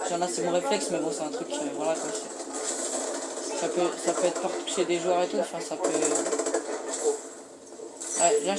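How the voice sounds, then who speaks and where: A teenage boy chatting in slang while he plays a shooter and comments on it. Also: high voice. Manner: slangy, rambling, excitable. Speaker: gaming YouTuber. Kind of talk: casual gameplay commentary. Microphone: phone filming the screen. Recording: faint room noise, phone recording.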